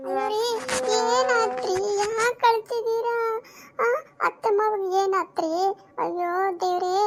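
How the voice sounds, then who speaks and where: A woman playing a young, newly married wife who is hard of hearing and laments melodramatically in a comic skit. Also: very high-pitched.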